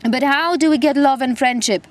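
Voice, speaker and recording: A woman's voice: high voice, moderate pace, pitched above the performer's own voice, close to an everyday voice. A woman voicing a shivering male sea otter with chattering teeth, for a storybook reading. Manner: yells.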